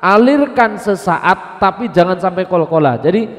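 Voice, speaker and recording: A man teaching Quran recitation at an evening mosque class, chanting slow examples and then explaining them. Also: high-pitched, animated. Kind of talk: mosque study class lesson. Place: mosque hall. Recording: reverberant mosque hall.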